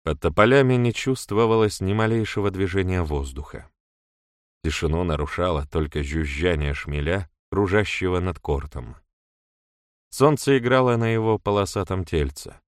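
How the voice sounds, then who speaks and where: A man narrating an audiobook in an even, measured reading. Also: sits low, clear, resonant tone, no room sound, clean studio sound. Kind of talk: scripted narration.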